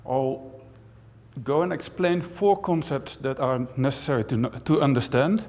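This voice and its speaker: Speaking at medium pitch, a little slowly and with a slightly mellow tone, a Dutch-raised university professor delivers a conversational conference talk full of dry jokes and asides. The sound carries the long hall reverb of a large auditorium.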